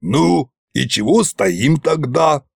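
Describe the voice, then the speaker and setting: Gruff old tsar barking orders slow and heavy, man doing the voice, lively pitch swings. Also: no room sound, clean studio sound, full character voice. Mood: commanding. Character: stern old male tsar Koschei, gruff commander.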